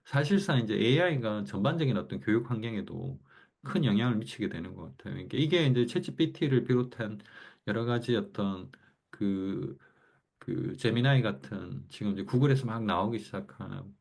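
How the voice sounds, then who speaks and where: Lecturing casually in an online class, this Gyeongsang-accented Korean man from the Gyeongsang region thinks aloud in a loose, conversational style full of fillers. He speaks expressively at a moderate pace, his voice on the low side, creaky, and a little mellow.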